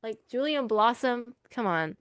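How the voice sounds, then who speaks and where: A woman's voice: on the high side, animated, measured pace, clean tone, no room sound, clean studio sound. A woman co-hosting a podcast in casual chat, rambling with many fillers. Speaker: podcast co-host.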